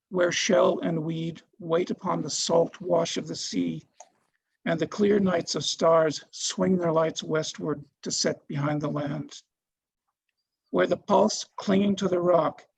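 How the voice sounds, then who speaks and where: A man giving a solemn poetry reading, with measured and deliberate phrasing. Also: on the high side, creaky, slightly rough, low-quality recording. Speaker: poetry reader.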